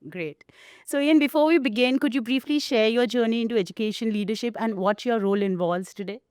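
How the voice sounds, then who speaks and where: A woman hosting a podcast, giving a formal introduction and asking interview questions in a measured way. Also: on the high side, a little mellow, smooth, no echo, clean studio sound. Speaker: podcast host.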